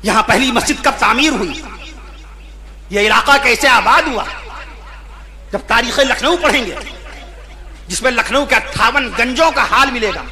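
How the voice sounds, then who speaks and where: Man, very high voice, fiery preacher, shouted repetitive lists, careful pronunciation corrections. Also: animated, normal speed, long pauses. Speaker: Islamic preacher. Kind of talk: impassioned sermon at a religious gathering.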